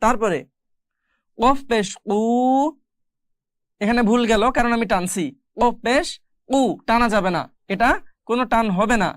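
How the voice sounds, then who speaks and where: A patient Quran reading teacher gives a step-by-step recitation lesson, naming each letter and vowel mark before slowly drawing the word out. The voice sits at a middle pitch and sounds close and dry, with no room around it. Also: fairly bright tone, no room sound. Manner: spells out letters and vowel marks one by one, then slowly draws out each word; patient, explanatory, addressing viewers directly.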